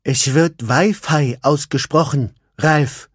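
A man's voice: a little high, very animated, unhurried, a little mellow, no room sound, clean studio sound, voice pushed up. A man voicing a friendly, helpful male hedgehog who explains things kindly in a storybook reading.

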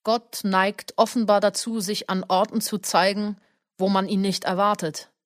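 A woman reading the part of a stiff, weary old man in an audiobook, speaking slowly and solemnly. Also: medium pitch, fairly even intonation, no room sound, clean studio sound, natural voice. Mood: calm.

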